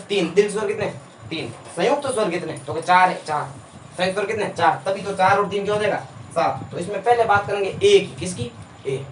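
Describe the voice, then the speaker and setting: A male teacher giving a classroom lecture, asking questions and answering them himself in a steady drill. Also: high-pitched, slight background noise. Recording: echoey room, voice from a distance.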